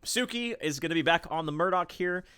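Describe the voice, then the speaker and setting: A man casting a live esports final, talking fast and loosely through the picks with plenty of fillers and excited jumps. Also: fairly high pitch, clear, resonant tone. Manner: rambling, excitable play-by-play with fillers. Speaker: esports caster.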